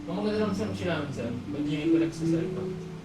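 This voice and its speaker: Higher-voiced Filipino man, loud music behind. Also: brisk, recorded from a distance, low-quality recording. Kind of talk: casual conversation mixing Tagalog and English.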